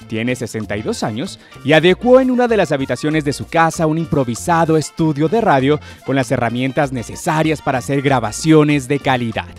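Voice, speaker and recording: A man narrating a scripted television feature as its reporter. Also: fairly high pitch. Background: background music.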